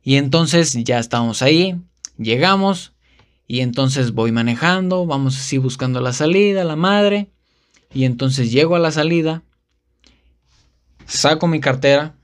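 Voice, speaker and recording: A man with a Mexican accent, hosting a podcast and telling a long story in a casual, slangy, rambling way. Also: medium pitch. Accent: Mexican Spanish. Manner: rambling, slangy, strings events with repeated connecting words. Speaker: podcast host.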